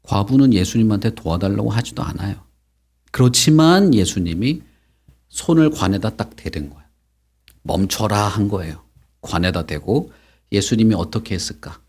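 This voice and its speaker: A middle-aged man preaching to children at Sunday school, telling the story with lively questions and acted-out lines. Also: lowish voice, normal speed, husky. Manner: animated, acts out quotes, asks children questions. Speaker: pastor teaching Sunday school.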